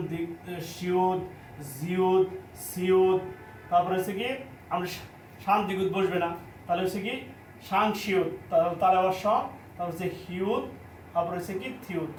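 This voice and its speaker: A man with a Bangladeshi Bengali accent teaching a classroom lesson, repeating each point slowly. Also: high voice, slight background noise. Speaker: language teacher. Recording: echoey room, mic at a distance.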